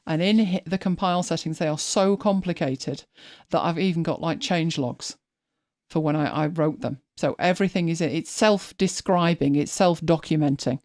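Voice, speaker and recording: A woman's voice: sits low, normal speed, a little mellow, no room sound, clean studio sound. A woman hosting a live stream, chatting casually as she walks viewers through her screen, thinking aloud and often restarting her sentences. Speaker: host.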